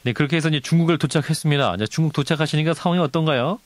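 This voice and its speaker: A man's voice: on the high side, very fast. A man hosting a news radio interview in a polite, formal manner.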